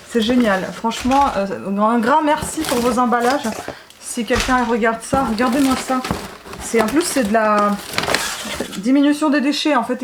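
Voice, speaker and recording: A woman's voice: fairly high pitch, noisy background. A woman beauty vlogger in a casual unboxing video. She talks enthusiastically and gushes often, with many hesitations. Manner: gushing, enthusiastic, lots of hesitations.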